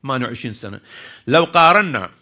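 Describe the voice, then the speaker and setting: A man preaching, his voice bright and forceful. He swings from hushed asides to loud, drawn-out emphasis as he tells stories and recites verse. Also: medium pitch, animated. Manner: impassioned, swings from soft to loud, slows to stress poetry and verses. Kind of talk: religious sermon with storytelling.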